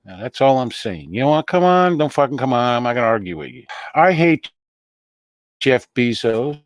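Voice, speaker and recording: A man's voice: mid-range voice, lively intonation, normal speed, no room sound, clean studio sound. A man hosting a casual talk show, exasperated and cursing. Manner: exasperated, curses. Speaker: host.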